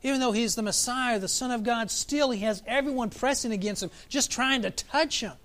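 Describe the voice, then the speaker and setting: A man preaching a sermon as pastor, reflective, asking his listeners questions and slowing down for emphasis. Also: very high voice, a bit bright. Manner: reflective, asks the congregation questions, varies pace for emphasis.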